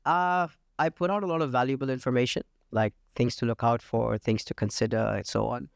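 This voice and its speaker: An Indian man with a gravelly, mid-range voice appears as a podcast guest, a real estate agent chatting in a casual interview. He sounds confident and matter-of-fact, keeps a steady tone, and pauses often on "uh." The podcast studio mic gives a dry, close sound with no room echo.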